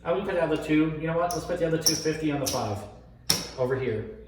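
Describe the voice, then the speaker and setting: A man's voice: fairly high pitch, fast, a little mellow. A man talking like a craps table caller, calling out rolls, bets and payouts and muttering tallies aloud as he repeats numbers. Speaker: craps player demonstrating a betting strategy. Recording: echoey room, distant mic, faint noise, clicks.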